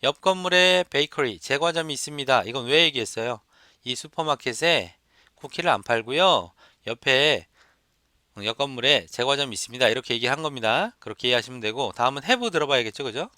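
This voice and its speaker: A male instructor walks through listening questions, repeating each example and prompting his students to say it back. His voice is bright and forceful, smooth and crisp, and it sounds close and dry with no room echo. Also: mid-range voice, lively intonation, a little fast. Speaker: English test instructor. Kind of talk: lecture.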